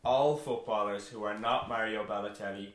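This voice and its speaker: A sick man with a robotic-sounding, low sample rate voice, co-hosting a podcast in jokey casual banter. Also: fairly even intonation, moderate pace. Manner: laughing, jokey. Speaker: podcast co-host. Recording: echoey room, noisy with clicks.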